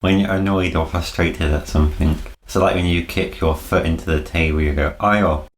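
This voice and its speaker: Low-voiced Oxford Englishman, dry and matter-of-fact co-host. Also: fairly even intonation, a little fast, a little hiss or hum. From England. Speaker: podcast co-host. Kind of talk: casual chat. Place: home in the UK.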